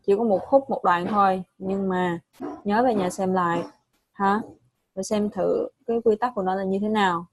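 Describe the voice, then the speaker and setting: A woman's voice: mid-range voice, steady tone, dry recording. Patient Vietnamese woman teaching pronunciation. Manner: patient, repeats and corrects, models English words slowly. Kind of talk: online pronunciation lesson.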